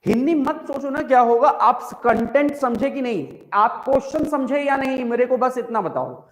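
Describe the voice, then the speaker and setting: A man's voice: very high voice, lively intonation, normal speed. A man with an Indian accent teaching English grammar in a live online class, explaining by repeating points and asking the class questions. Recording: echoey room with long reverb.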